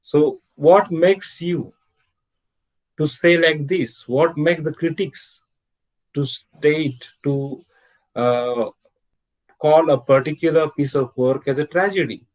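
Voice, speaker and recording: A man's voice: a little high, takes it slowly, rough recording. A man giving an online literature lecture. He explains step by step, with many fillers like "okay" and "means". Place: home, recorded over a video call. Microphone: computer or headset mic on a video call.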